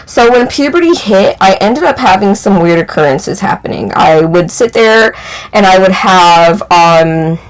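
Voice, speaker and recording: A woman's voice: medium pitch, lively intonation, a little slow, rough recording. A woman vlogger telling a personal story in a rambling, casual way, full of "like" fillers and swearing.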